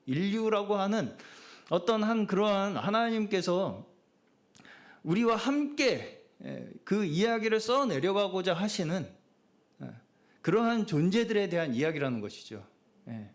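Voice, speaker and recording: A man's voice: high-pitched, very animated, unhurried. A middle-aged male pastor preaching a Friday prayer service sermon in a conversational style, often dropping in short affirming "yes" words. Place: church sanctuary.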